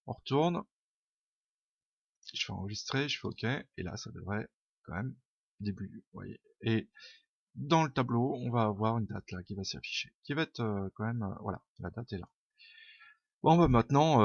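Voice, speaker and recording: A man's voice: lowish voice, vocal fry, slightly rough, no room sound. A man giving an unscripted coding tutorial over a screen recording, thinking aloud with many fillers and an informal, self-deprecating way of talking. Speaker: programming tutor. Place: home room. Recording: dull lo-fi home mic, dry.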